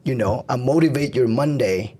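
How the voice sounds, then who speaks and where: A man hosting a casual podcast interview, hoarse from recently losing his voice, talking in a relaxed way with many "like"s and "right?"s. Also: mid-range voice, normal speed. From Filipino community. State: hoarse, recovering from a lost voice. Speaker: podcast host.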